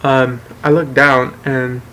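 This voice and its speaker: A man's voice: medium pitch, level tone, slow pace, sharp tone, slight background noise, poor audio. A man hosting a gaming video, casually telling a rambling, profane childhood story and often saying "and whatnot". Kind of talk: casual storytelling over gameplay.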